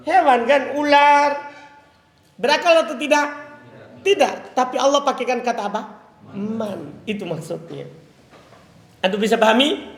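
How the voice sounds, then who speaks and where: A male teacher with a very high voice gives a live grammar lecture. He recites Arabic phrases slowly and keeps asking his listeners questions, then answers them himself. The room is echoey, and a long reverb hangs after his words. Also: animated, creaky.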